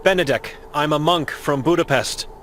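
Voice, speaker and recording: A man's voice: on the high side, moderate pace, a bit bright, a little hiss or hum, close to an everyday voice. A man voicing a young monk in a game who is searching for his sister, polite and earnest as he presses with questions. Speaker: game protagonist.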